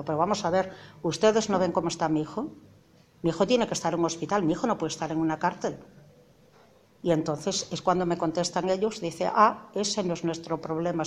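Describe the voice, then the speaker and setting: A woman's voice: lowish voice, a little mellow. A middle-aged mother giving an emotional personal testimony, earnest, acting out the dialogue and rising to indignant outbursts.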